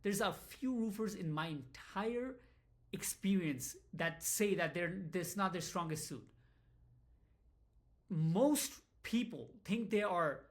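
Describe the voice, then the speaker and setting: A man with a somewhat high voice rambles through a casual vlog about his business. He speaks candidly and swears freely, often running himself down. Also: lively intonation, slow. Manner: rambling, candid, profane, self-deprecating. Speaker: small business owner vlogging.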